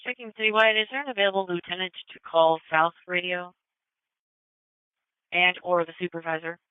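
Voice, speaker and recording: Man on police radio, dispatcher, clipped codes, fairly high voice, crisp, tinny narrow band. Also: steady tone, moderate pace, no room sound. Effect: police radio transmission.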